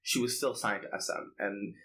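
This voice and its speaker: On a low-quality recording with a little hiss or hum, a man co-hosts a K-pop podcast. His voice is fairly low, steady, bright and forceful at a moderate pace, and his casual, opinionated chatter leans heavily on "like."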